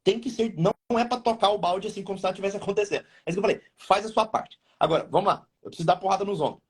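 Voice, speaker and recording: A man's voice: high-pitched, racing, breathy edge. A Brazilian man hosting a live stream from his home, giving blunt, slangy marriage advice to men. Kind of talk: casual advice talk on marriage.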